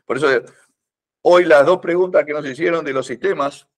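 An older karate teacher with a Rioplatense Spanish accent guests on a casual podcast, rambling with lots of fillers and restarts and teasing along the way. His voice is a little high, fairly even in intonation, at normal speed.

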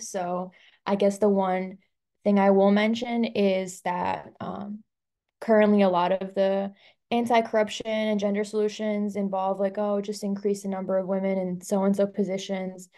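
This is a young adult woman from Albania presenting a student webinar via video call, her voice warm and mid-range. She talks informally, leaning heavily on fillers like "um" and "like."

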